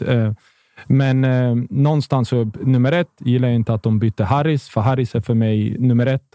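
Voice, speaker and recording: Male pundit, dark mellow tone, dry sound, emphatic and rambling. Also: mid-range voice, no echo. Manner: emphatic, rambling with many restarts. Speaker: football pundit. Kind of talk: casual podcast chat.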